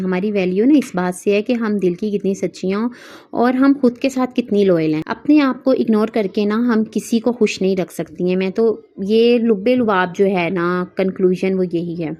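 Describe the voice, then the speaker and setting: A woman's voice: medium pitch, normal speed, warm tone. A woman, giving casual, earnest advice to wives as a vlogger and mixing in English words. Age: 30s. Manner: earnest, mixes English words into Urdu-Hindi speech.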